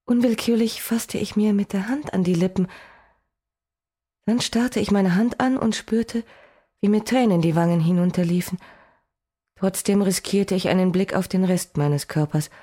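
A woman narrating a first-person fantasy audiobook, expressive with dry, wry asides. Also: medium pitch, normal speed.

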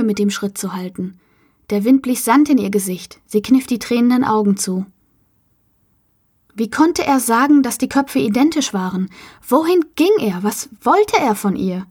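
A woman narrating a short story as an audiobook, her voice fairly high. She reads in a calm, measured way. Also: breathy edge. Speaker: reader.

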